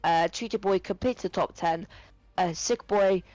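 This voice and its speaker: A man giving live sim racing commentary, excitable and rambling with many fillers, his voice going hoarse and cracking. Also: high voice, moderate pace, dry recording, low-quality recording. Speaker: race commentator.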